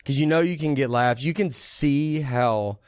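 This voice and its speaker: A stand-up comedian chatting on a podcast in a rambling way, with many halting restarts. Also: male voice, mid-range voice, clean tone, no echo, clean studio sound. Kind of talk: casual podcast chat.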